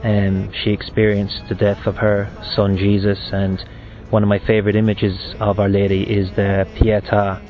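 A man in his thirties with a west of Ireland accent, a seminarian giving a personal faith testimony in a halting, reflective way. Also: lowish voice, completely flat delivery, muffled recording. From Galway, west of Ireland. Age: 30s.

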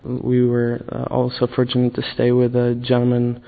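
A man's voice: mid-range voice, monotone, normal speed, narrow, tinny audio. A man in his twenties recounting a pilgrimage in casual testimony, hesitant with many fillers and restarts. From born in the USA, raised in the Caribbean and Poland. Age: 20s. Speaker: pilgrim interviewee.

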